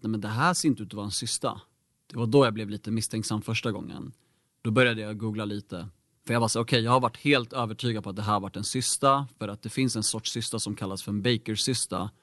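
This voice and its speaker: A young man recounts a personal experience as an interview guest, in a fairly low voice. He speaks candidly and reflectively, often pausing on fillers. The sound is close and dry. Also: a bit bright, no echo. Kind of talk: personal storytelling in a conversation.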